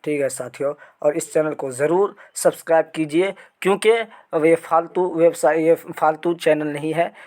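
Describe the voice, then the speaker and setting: A man with a fairly high voice hosts a casual exam-news update. He talks loosely, circling back and repeating words and phrases as he goes. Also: steady tone, moderate pace, hardly any pauses, darkish tone. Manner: repetitive, restarting phrases. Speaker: channel host. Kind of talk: casual screen-walkthrough update.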